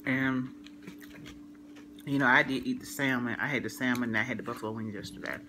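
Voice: medium pitch, fairly quick, bright, forceful tone, a little hiss or hum, poor audio. A vlogger, talking while chewing, chatting casually to viewers in a rambling way with many fillers. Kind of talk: casual eat-with-me chat to viewers.

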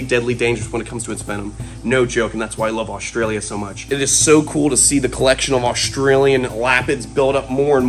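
A man in his twenties hosting a casual vlog as he handles animals, talking in an enthusiastic, exclamatory and playful way. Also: medium pitch. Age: 20s. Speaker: host, snake keeper. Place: large metal-walled reptile room with concrete floor.

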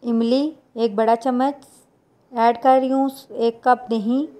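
A woman, talking viewers through a recipe step by step in a plain, unhurried voice-over. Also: on the high side, steady tone, dark tone. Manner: plain instructional, unhurried with small restarts. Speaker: cooking channel host.

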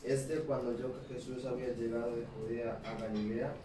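A man's voice: medium pitch, flat delivery, moderate pace. Man reading scripture in echoing hall. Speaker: scripture reader. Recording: echoey hall, distant mic, faint noise.

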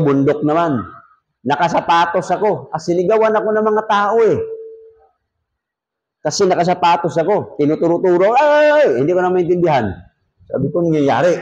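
A man's voice: a little high, normal speed, long pauses, a little mellow, dull audio. A man, a pastor, teaching a Sunday school Bible lesson in a joking conversational way, talking straight to his class. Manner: jokey, talks directly to the class.

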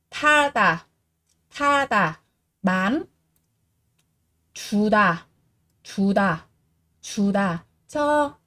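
A woman teaching a Korean vocabulary lesson in Vietnamese, reading each word slowly and repeating it before explaining. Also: medium pitch, fairly bright tone. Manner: slow, repeats each word three times and explains patiently.

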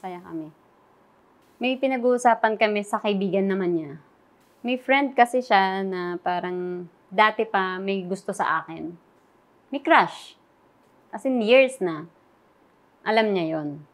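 A young woman speaks as an interview guest, recounting a personal story in a soft, earnest way. She often slips into quoting what was said to her. Her voice sits at a middle pitch. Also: unhurried, long pauses. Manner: soft, recounting quoted dialogue.

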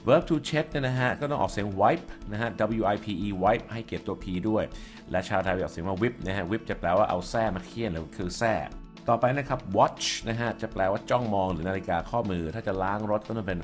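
A man teaching English vocabulary, explaining words in clear, patient steps. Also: lowish voice, a little fast, faint music behind.

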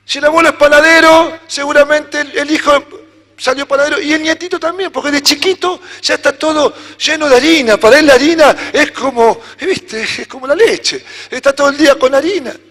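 High-voiced Argentine preacher in a reverberant hall. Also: male voice, fairly quick. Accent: Argentine Spanish. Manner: animated preaching, acts out dialogues with children. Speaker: pastor. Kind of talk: sermon. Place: church hall.

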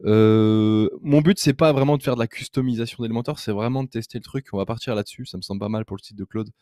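Male tutorial host, low register, dry sound; chatty, eager, hesitant delivery for a screencast demo. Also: fast, warm tone, no room sound. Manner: chatty and enthusiastic, hesitant with many fillers. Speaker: web design trainer. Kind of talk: casual screen-recorded software demo.

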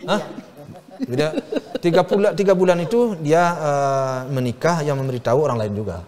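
A middle-aged man, a guest in a casual interview, telling his story in a halting way with many fillers and restarts. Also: on the high side, darkish tone. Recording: reverberant room with faint music.

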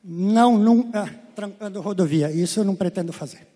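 A man's voice: high voice, brisk, noisy background. A man, a farmer, speaking on a seminar panel on a large auditorium stage, complaining indignantly into a handheld mic. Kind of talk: seminar talk. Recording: long hall reverb.

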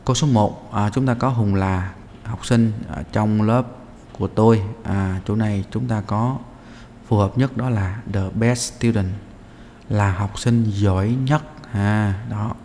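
A man teaching a practice test, his voice sitting fairly low. He explains each answer step by step and pauses on hesitant fillers between points. The recording carries a long room reverb over faint background ambience. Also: steady tone, mellow, slight background noise. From Vietnam. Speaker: English teacher. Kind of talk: walking through test answers.

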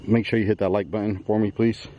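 A man talks his way through a night-time cemetery investigation in a low, mellow voice. His delivery stays calm and low-key, even when he questions the spirits. Faint hiss and crickets sit behind him outdoors. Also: fast, lo-fi sound. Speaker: paranormal vlog host. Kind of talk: casual ghost-hunting commentary.

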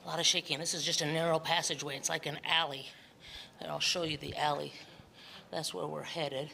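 In this clip a middle-aged woman vlogger has a deep, gravelly voice that sounds pushed and bright, with a flat delivery that runs a little fast. She talks casually and emphatically to a camera or phone at arm's length, often repeating words for effect. The setting is mostly hilly town streets outdoors, partly indoors, with a little hiss or hum.

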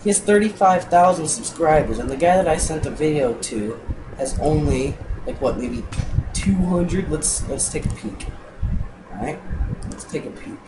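In a noisy recording, a young man narrates footage of his block game as a casual let's-play, rambling, annoyed and swearing along the way. His voice sits on the high side, expressive and at a moderate pace.

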